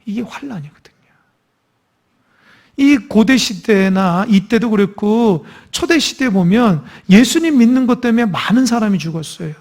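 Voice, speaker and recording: A man's voice: sits high, lively intonation, normal speed, darkish tone. A male pastor preaching a midweek church sermon, earnest, asking the congregation questions.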